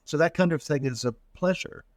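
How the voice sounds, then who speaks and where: A man's voice: on the high side, a little fast, dry recording. A man as the author guest in a casual interview chat, rambling and self-deprecating, often restarting his sentences.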